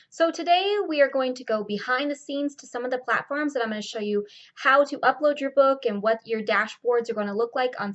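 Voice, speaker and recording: A woman's voice: high-pitched, a bit bright, highs cut off. Chatty woman giving a casual tutorial. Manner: chatty, informal. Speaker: self-publishing author and video host. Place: small furnished room at home. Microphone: camera's built-in microphone, no external mic.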